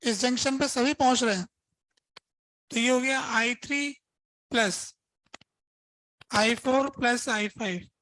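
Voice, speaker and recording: A man's voice: extremely high pitch, unhurried, long pauses, sharp tone, no echo, rough recording. Guy teaching physics, chatty, keeps asking the class questions, dry close sound. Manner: explains step by step with rhetorical questions; casual, conversational teaching. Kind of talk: lesson at a board.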